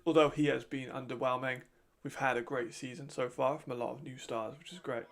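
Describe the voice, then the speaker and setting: A man's voice: medium pitch, fairly even intonation, a little fast. A man giving casual, chatty live commentary while watching a football game, laughing often and trailing off mid-thought.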